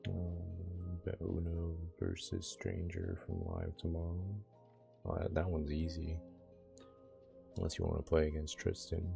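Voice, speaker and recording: A man's voice: deep voice, completely flat delivery, a little slow, vocal fry, over music. A young man streaming a game, chatting casually with his viewers in a laid-back, slangy way. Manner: laid-back, slangy, talks to chat and himself. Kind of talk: casual live-stream chat.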